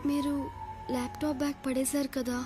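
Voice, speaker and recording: An actress voices a sweet young woman who pleads earnestly. Her voice is high. Film music plays behind it. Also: level tone, a little fast, natural voice. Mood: apologetic. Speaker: young heroine. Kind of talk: film acting. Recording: music under the dialogue.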